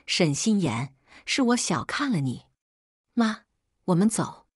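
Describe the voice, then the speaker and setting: A woman doing a shrill, scheming young woman. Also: sing-song, slow pace, husky, no room sound, clean studio sound, exaggerated voice. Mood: bitter. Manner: shrill, defiant. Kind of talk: storybook narration.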